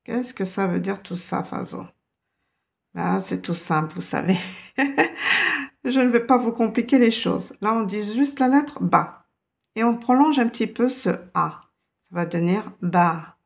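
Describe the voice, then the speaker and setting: A woman's voice: on the high side, normal speed, vocal fry. A woman teaching a beginner language lesson, explaining patiently step by step. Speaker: Arabic teacher.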